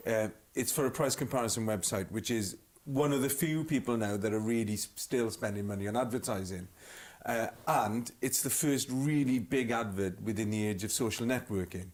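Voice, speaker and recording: A man's voice: lowish voice, moderate pace, hardly any pauses. A man with a Welsh accent, a singer guesting on a chat show, telling stories with lots of laughter. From Wales. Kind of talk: anecdotal chat show storytelling.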